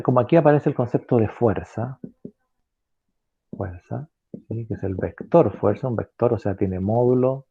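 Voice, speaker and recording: A man's voice: medium pitch, creaky, breathy edge, narrow, tinny audio. A man teaching an online physics lesson, explaining step by step with frequent fillers and tag questions to check the class follows. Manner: halting, with frequent fillers and self-corrections.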